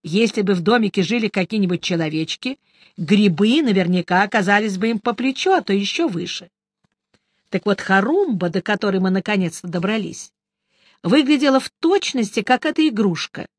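An audiobook reader giving first-person scripted narration, in a lively, wry storytelling manner. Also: mid-range voice, fairly quick, dry recording.

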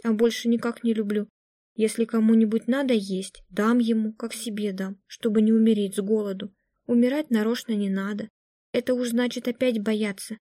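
Woman reading aloud as an indifferent young woman, stubborn, monotone, slightly high, mellow tone. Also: no room sound, studio quality, natural voice. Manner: flat, monotone and reluctant. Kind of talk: audiobook reading.

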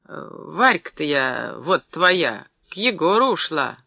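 A man voicing a sly, spiteful village gossip who gloats loudly and mockingly. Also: a little high, big pitch swings, slow pace, vocal fry, no room sound, exaggerated voice. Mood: gloating.

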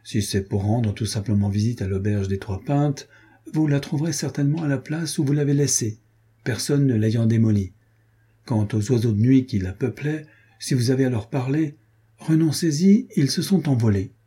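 A man's voice: medium pitch, normal speed, warm tone, husky. A man reading an audiobook voices an ironic, teasing young nobleman and swordsman.

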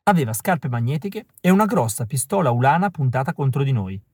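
A man reading an audiobook in a measured, expressive way. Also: medium pitch, dry recording. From Italy. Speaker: audiobook reader. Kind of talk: audiobook narration. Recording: dry close recording.

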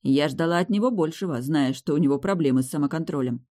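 A woman reading a first-person fantasy novel aloud as an audiobook narrator, in a steady, wry storytelling manner. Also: low voice, fast talker.

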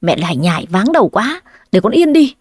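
A woman's voice: medium pitch, very animated, a little fast, husky, dry recording. Woman reading as a scornful cheating husband. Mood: dismissive. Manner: cold, scornful. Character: callous drunk young husband, contemptuous.

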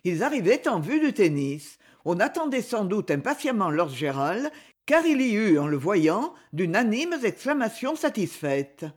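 Expressive audiobook narrator, lively pitch. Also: measured pace.

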